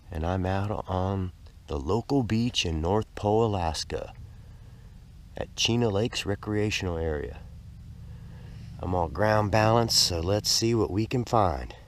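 An older man casually narrating his metal detecting outdoors on a lakeside beach, easygoing and excited at each find, recorded on a body-worn camera. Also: low voice, takes it slowly, pauses often, slight background noise. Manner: easygoing, excited exclamations at finds. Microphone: action camera worn on the body.

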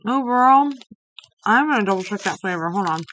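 A woman in her thirties talks casually while eating sour candy, in short phrases and mumbled asides. Her pitch is average for a woman. It is recorded on a webcam mic in a small room, with faint noise behind her. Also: expressive, brisk, a bit bright. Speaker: vlogger reviewing candy. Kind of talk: casual chat to camera. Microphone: webcam or laptop mic at arm's length. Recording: noisy webcam audio with clicks.

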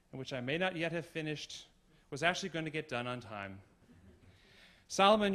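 Speaking in a concert hall, a middle-aged university provost offers a formal tribute that is measured and gently humorous. His voice runs a little high.

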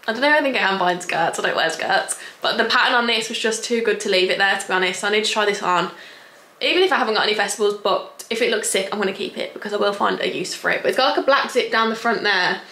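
A woman's voice: medium pitch, fast talker, bright, forceful tone. A young woman chatting through a clothing try-on haul vlog, bubbly and gushing with casual slang. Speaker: fashion vlogger. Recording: echoey room, faint hiss.

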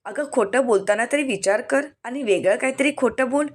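A woman's voice: fairly high pitch, fairly quick, lightly acted. A woman reading the part of a bitter young man who accuses and threatens his lover, in a hard, accusing tone.

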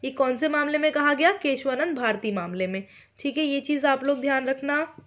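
A woman with an Indian accent and a high voice gives an online exam-prep lecture. She talks slowly and deliberately, keeps checking that her students follow, and drops English terms into her explanations. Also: a bit bright. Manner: speaks slowly on purpose, checking in with listeners often. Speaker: teacher.

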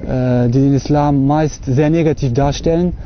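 A young man from Russia stands on a lawn and gives an earnest testimony to camera, hesitating with many filler sounds. His voice is mid-range and steady, at a normal speed. Captured by the camera mic up close, the outdoor audio is slightly dull and lo-fi, with slight background noise.

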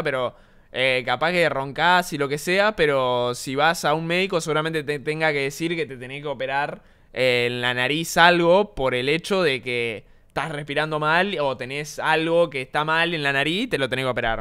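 A man's voice: fairly high pitch, a bit bright, clear, resonant tone. A young man with an Argentine accent, chatting casually on a stream in a rambling, slangy way, swearing often. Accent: Argentine Spanish.

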